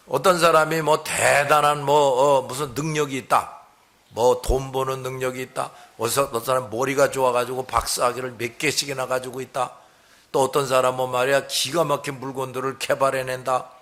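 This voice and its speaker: A man's voice: medium pitch, level tone, normal speed, a bit bright. A middle-aged man pastor giving a folksy sermon on hymn lyrics, full of rhetorical questions.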